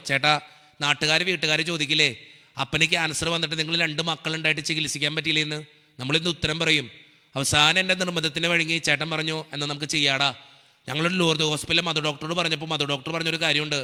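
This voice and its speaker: Fast, bright-voiced Malayali priest preaching. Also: male voice, a little high, big-room sound. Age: young adult. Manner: earnest storytelling, acts out dialogue. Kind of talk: emotional sermon testimony.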